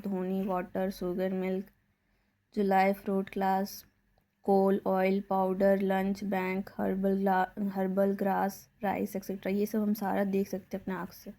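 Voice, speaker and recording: A woman teaching a grammar lesson, listing examples one by one and reading definitions slowly. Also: mid-range voice, dark tone. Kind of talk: Hindi-English grammar lesson.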